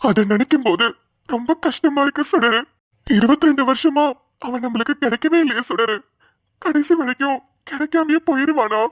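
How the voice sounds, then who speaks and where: A woman's voice: high voice, normal speed, no room sound, studio quality. A woman voicing a grieving middle-aged father in a cartoon, speaking in tearful, despairing pleas. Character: grieving middle-aged father missing his lost son. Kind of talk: cartoon voice acting.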